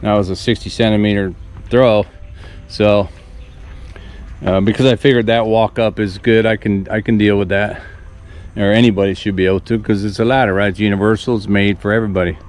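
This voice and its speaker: A farm vlogger in his sixties muses casually about an upcoming build at an outdoor construction spot on his farm, often starting sentences over. His voice is lowish, steady, and darkish, moving a little fast, with soft music playing in the background.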